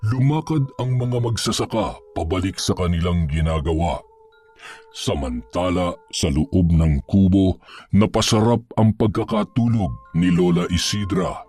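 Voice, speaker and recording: A man narrating a scripted horror story in a measured, suspenseful storytelling manner. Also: fairly low pitch, mellow.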